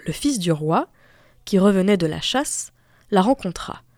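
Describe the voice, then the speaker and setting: Mellow-voiced woman reading a fairy tale. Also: mid-range voice, measured pace, no room sound, studio quality. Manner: expressive storytelling. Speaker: reader.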